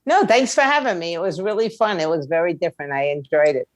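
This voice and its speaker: Fast and lowish, this woman's voice comes through with no echo as she speaks as an interview guest. A music attorney and indie label owner, she explains things in a plain, emphatic, conversational manner.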